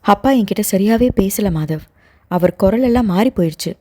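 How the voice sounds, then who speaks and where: A woman's voice: mid-range voice, moderate pace, a little mellow, natural voice. A woman voicing an anxious young woman in love, who talks in a hesitant, pleading way.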